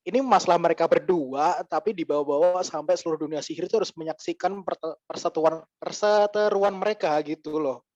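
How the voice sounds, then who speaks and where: Male guest, fairly high voice, animated and ranting, dry muffled sound. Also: no echo. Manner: animated, ranting with quick asides. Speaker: podcast guest. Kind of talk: casual chat.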